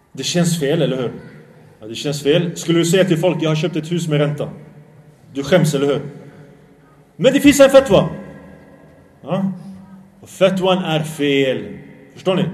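A man with a slightly high voice teaches a religious lesson, explaining each point step by step. He poses rhetorical questions, checks that his listeners are following, and slips Arabic religious terms into his talk. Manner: asks the audience questions, checks they follow.

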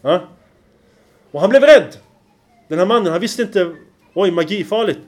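A man giving a religious lecture, often pausing to check that his listeners follow and reciting Arabic verses in a chanting lilt. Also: high voice, animated. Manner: keeps checking the listeners follow, with rhetorical questions. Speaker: preacher.

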